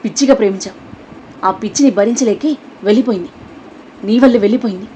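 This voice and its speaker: A woman voicing an angry younger brother in an audio story, shouting accusations. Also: mid-range voice, fast, slight background noise, lightly acted, low-quality recording.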